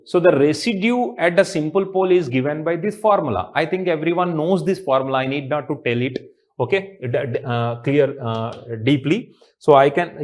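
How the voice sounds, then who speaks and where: A man in his thirties with an Indian accent lecturing on mathematics at a board, often repeating his phrases and checking in with students. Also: fairly high pitch. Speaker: mathematics teacher. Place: indoor teaching studio with blackboard.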